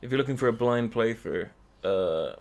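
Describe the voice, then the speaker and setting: A man's voice: medium pitch, expressive, normal speed, darkish tone. Young man, let's play host, dry jokes, rambling, mid-range voice. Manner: dry joking, rambling asides. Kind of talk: casual gaming commentary.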